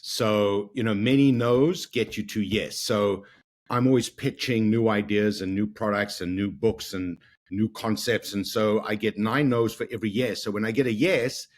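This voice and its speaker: A man's voice: lowish voice, fairly even intonation, normal speed. A male podcast host in a casual, upbeat interview chat who likes to wrap up with a quote, talking over a video call. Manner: upbeat, fond of closing quotes.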